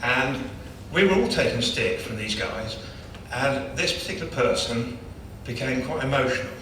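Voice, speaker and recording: A man's voice: mid-range voice, expressive, normal speed, background noise. A man, a club chairman, gives a chatty, joking after-dinner award speech. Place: large banquet hall. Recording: echoey hall, distant mic.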